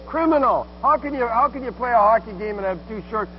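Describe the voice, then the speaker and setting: Male Canadian colour commentator, high-pitched, punchy and opinionated, with noise behind the broadcast. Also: brisk. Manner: blunt, emphatic, punchy short phrases. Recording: dull lo-fi broadcast with background noise.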